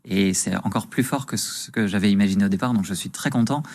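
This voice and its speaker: A man's voice: lowish voice, fast, darkish tone. A man working as a magician, explaining things agreeably and conversationally as a guest in a TV interview.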